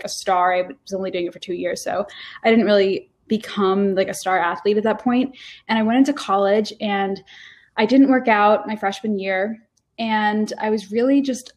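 A woman in her early twenties from Rhode Island tells her story as a guest in a casual interview. Her medium-pitched voice is a little mellow, and her rambling talk is full of fillers and restarts.

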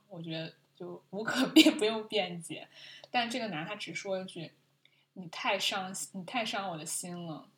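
A woman co-hosting a podcast, retelling a film scene in casual chat, with lots of laughter and restarts. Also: medium pitch. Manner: animated storytelling, frequent laughter, many restarts. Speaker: podcast co-host.

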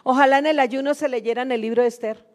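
High-voiced woman preaching fervently. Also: steady tone, quick pace. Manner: storytelling, acts out quoted dialogue, builds to fervent exclamations. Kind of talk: sermon testimony.

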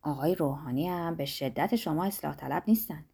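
A woman reading the lines of an earnest young male student who answers softly and insistently. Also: on the low side, lively intonation, husky. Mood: calm, placating.

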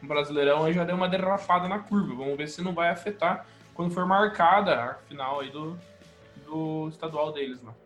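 A man's voice: fairly high pitch, fairly quick, fairly bright tone. A man with a Brazilian accent giving colloquial, opinionated commentary in a casual sports discussion. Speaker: sports podcast panelist. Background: background music.

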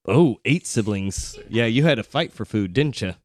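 A man's voice: lowish voice, lively intonation, a little mellow, dry recording. A man hosting a podcast in a home studio, joking and teasing his guests in a casual chat. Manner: playful, teasing, quick to joke. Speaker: podcast host. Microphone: studio microphone.

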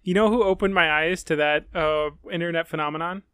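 A man's voice: on the high side, fairly even intonation, fairly quick, a bit bright, clear, resonant tone, no room sound. A man co-hosting a casual chat podcast with his sister, teasing her with dry, jokey banter. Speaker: podcast co-host.

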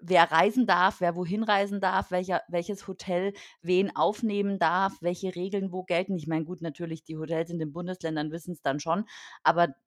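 A woman's voice: lowish voice, flat delivery, normal speed, no echo, clean studio sound. A woman speaking as a podcast guest from the hotel industry, talking casually with many fillers and restarts, indignant about the rules.

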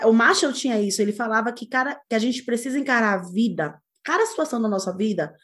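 A woman with a Brazilian Portuguese accent, speaking as a guest in an animated conversational way, expressive and laughing often, with quick bursts of emphasis. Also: a little high. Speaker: guest speaking on nonviolent communication.

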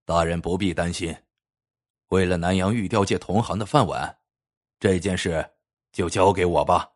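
A man voicing a calm, self-assured master craftsman in a folk tale, speaking low and measured. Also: breathy edge. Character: calm, masterful male jade carver.

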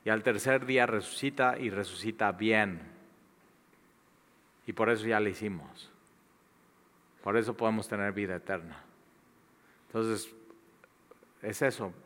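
Low-voiced preacher in a reverberant hall. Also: male voice, measured pace, pauses often. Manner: repetitive, emphatic, swings from loud to hushed. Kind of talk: sermon and closing prayer. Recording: long reverb of a large hall.

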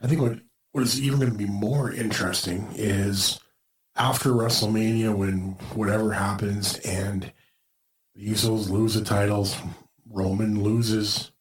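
A man's voice: fairly low pitch, fairly even intonation, a little slow, breathy edge, low-quality recording. A man co-hosting a podcast, chatting casually about wrestling in a rambling way with many restarts. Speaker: podcast co-host.

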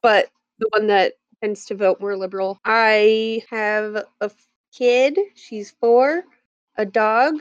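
A woman's voice: mid-range voice, fairly even intonation, slow pace, clean tone, dry recording. Woman, 30s, laid-back, dull dry recording. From United States. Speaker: podcast co-host. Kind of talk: casual family chat.

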